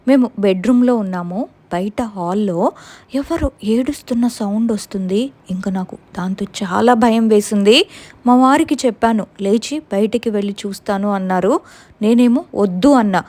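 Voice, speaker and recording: A woman's voice: medium pitch, warm tone. A young woman with a Telugu accent telling a first-person ghost story in an earnest, tense way.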